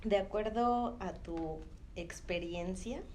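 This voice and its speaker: A woman interviewer asking a guest a question, slow and deliberate. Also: medium pitch, a little mellow, slight background noise.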